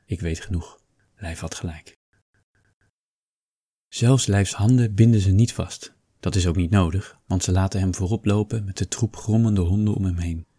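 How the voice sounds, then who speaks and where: Deep, husky male narrator. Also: mellow, no room sound. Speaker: audiobook reader. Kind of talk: first-person novel narration.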